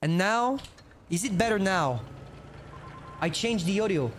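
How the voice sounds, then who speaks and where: Streaming gameplay, a young man from France rambles, talks to himself and chats casually with viewers in a French accent. He speaks a little slowly in a high voice with lively intonation, over a noisy, glitchy microphone that cuts out.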